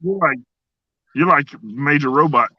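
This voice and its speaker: A man chatting casually on a call, halting and hesitant. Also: a little high, animated, no room sound. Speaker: league member on a call. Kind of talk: casual chat. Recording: dull lo-fi phone call audio.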